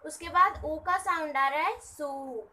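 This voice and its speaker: A woman's voice: very high-pitched, normal speed, sharp tone, rough recording. A woman teaching children to write and read words, sounding each one out syllable by syllable. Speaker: teacher of a kids' channel. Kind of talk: children's writing lesson.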